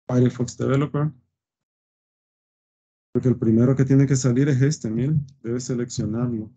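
A man's voice: medium pitch, dark tone, slightly rough. A man teaching a live web design coding lesson, thinking aloud with fillers and often checking "¿sí?" with his students. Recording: dull lo-fi screen recording.

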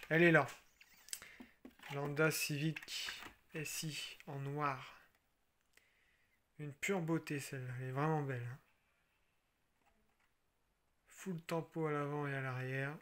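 Bright-voiced chatty French collector. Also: male voice, fairly high pitch, slight background noise. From France. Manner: chatty, relaxed, with frequent fillers and restarts. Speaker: toy car collector vlogger. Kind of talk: casual show-and-tell.

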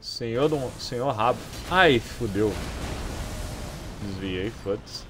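A young man with a Brazilian Portuguese accent giving live gameplay commentary, excitable, swearing often and yelling at enemies. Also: mid-range voice, slow, background noise. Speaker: gaming streamer.

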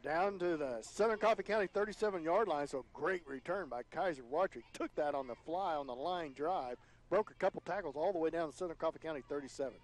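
A man calling high school football play-by-play on the radio, his voice climbing higher and louder on big plays. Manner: rises in pitch and volume on big plays. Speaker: play-by-play announcer.

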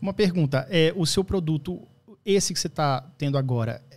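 Fairly high-voiced man hosting a podcast. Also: a little fast, darkish tone. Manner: short questions and brief agreement. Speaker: podcast host. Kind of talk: conversational interview.

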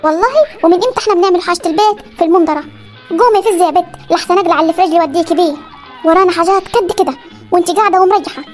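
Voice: very high voice, faint music behind. An actor voicing a bossy, scolding Upper Egyptian village mother in a comedy cartoon, with an Upper Egyptian accent. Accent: Upper Egyptian Arabic. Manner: scolding, ordering, quick threats.

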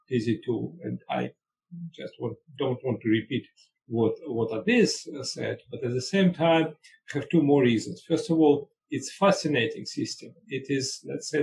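Gravelly-voiced man, halting and earnest. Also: mid-range voice, darkish tone, slight background noise, low-quality recording. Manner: earnest, halting, restarts and repeats words. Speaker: neuroscience professor, panel guest. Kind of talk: panel discussion.

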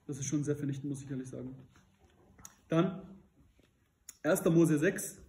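A man leads a Bible study in an earnest sermon style, often turning to his listeners with questions. His voice sits a little high yet sounds mellow and warm, and he builds to emphatic peaks. The hall around him is roomy and echoing. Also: moderate pace. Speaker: preacher leading a Bible study. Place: church hall. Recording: echoey room.

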